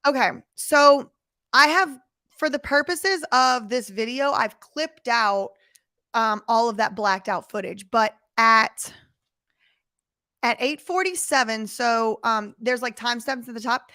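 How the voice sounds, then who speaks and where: A woman's voice: a little high, unhurried, pushed and bright, no echo, clean studio sound. A woman hosting casual commentary on footage, emphatic and fond of rhetorical questions to her viewers. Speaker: commentary host.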